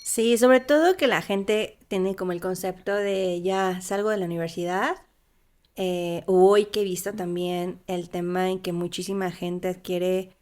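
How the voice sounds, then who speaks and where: A woman's voice: lowish voice, steady tone, unhurried, a little mellow. Chatty woman explaining finances. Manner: explanatory, conversational, many fillers like "o sea". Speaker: podcast co-host, financial advisor. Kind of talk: casual podcast chat.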